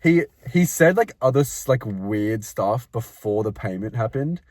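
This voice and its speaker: A man's voice: fairly low pitch, lively intonation, a little slow, a little mellow, no echo. Young man swapping work stories. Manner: laughs often, swears, mocks customers. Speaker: podcast co-host. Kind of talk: casual storytelling chat.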